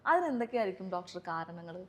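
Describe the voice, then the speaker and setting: A woman's voice: fairly low pitch, big pitch swings, fast talker. A woman with a Kerala Malayalam accent hosting a health interview, asking questions with fillers and many short acknowledging hums. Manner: hesitant questions with fillers, frequent "mm" backchannels. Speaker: host.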